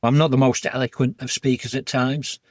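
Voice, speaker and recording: Speaking with a broad Yorkshire accent in a middling pitch, a podcast guest gives a candid personal interview in an earnest, heartfelt, plain-spoken manner. His tone is level and his pace moderate, and the sound is dry and close with no room echo.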